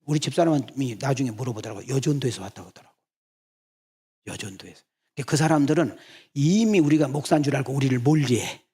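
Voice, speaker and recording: A man preaching as senior pastor, telling stories and calling out to the congregation in a lively way. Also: medium pitch, brisk, husky. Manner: animated, calls out to the congregation and acts out quoted lines. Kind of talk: sermon with storytelling. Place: church sanctuary.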